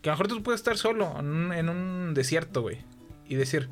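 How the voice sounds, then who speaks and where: A man's voice: a little high, animated, a little fast, soft background music. A man with a Mexican accent chatting casually as a podcast co-host, rambling and profane with lots of fillers. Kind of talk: casual chat.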